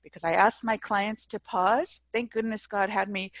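A woman's voice: mid-range voice, fairly even intonation, normal speed, no echo. Earnest middle-aged woman, dry close sound. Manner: earnest and emphatic, with frequent restarts. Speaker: entrepreneur guest. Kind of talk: personal story in a podcast interview.

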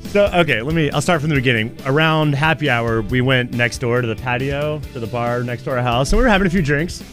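A man's voice: mid-range voice, quick pace, fairly bright tone, soft background music. A man co-hosting a morning radio show, joking and telling stories with dry humor.

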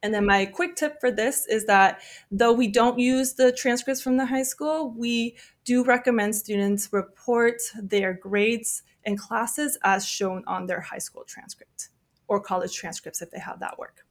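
A woman admissions officer in a podcast interview. She explains things steadily with frequent "um" and "right?", and her voice often trails off softly at the ends of phrases. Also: fairly high pitch, steady tone, unhurried.

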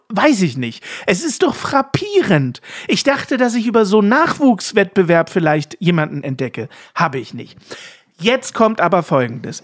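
A man's voice: high voice, a bit bright. A man co-hosting a casual podcast, talking animatedly and often laughing mid-sentence. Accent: German. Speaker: podcast co-host.

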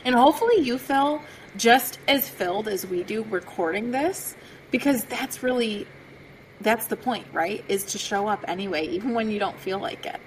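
A woman hosting a podcast, talking casually and warmly in a chatty way full of fillers. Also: a little high, lively intonation, moderate pace, a little hiss or hum, rough recording. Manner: chatty, peppered with "like". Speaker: podcast host.

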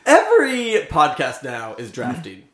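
An animated man banters casually on a group podcast. His voice sits a bit high and swings around, echoing in the room. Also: measured pace. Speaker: returning podcast co-host. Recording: echoey, roomy sound.

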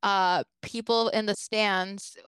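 Smooth-voiced woman hosting a podcast. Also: medium pitch, steady tone, slow, a bit bright, no room sound, poor audio. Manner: conversational, with frequent fillers. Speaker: podcast co-host. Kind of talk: casual chat, presenting a researched story.

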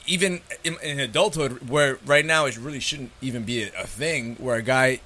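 A man's voice: mid-range voice, moderate pace, sharp tone. A young man in his twenties co-hosting a casual podcast, rambling frankly with lots of fillers. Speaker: podcast co-host. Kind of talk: casual chat.

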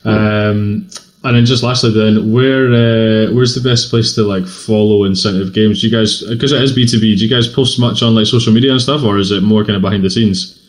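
A man's voice: on the low side, a little fast. A man with a Scottish accent hosting a podcast, chatting casually with a guest and using lots of fillers. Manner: relaxed, chatty, filler-heavy. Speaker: podcast host. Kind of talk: casual interview chat.

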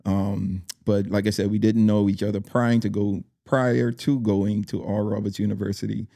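A Bahamian man hosts a podcast, hyping his guest with upbeat welcomes and loose, chatty talk full of fillers and restarts. His voice is lowish and dark, with little pitch movement, vocal fry and a moderate pace. The recording is dry with clean studio sound.

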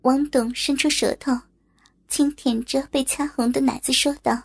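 A woman reading a story aloud as narrator, in a steady, even storytelling manner. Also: high voice, normal speed, creaky, slightly rough.

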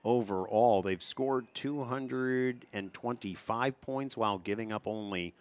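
A man with a lowish voice calls a local high school football broadcast. He reads out names and stats in an even, steady way. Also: a little slow, dry recording. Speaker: play-by-play announcer. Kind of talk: local sports broadcast commentary.

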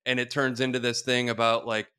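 A man's voice: mid-range voice, flat delivery, brisk, sharp tone, smooth. A man hosting a podcast, a small business owner speaking in a direct, plain-spoken way. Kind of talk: casual interview chat.

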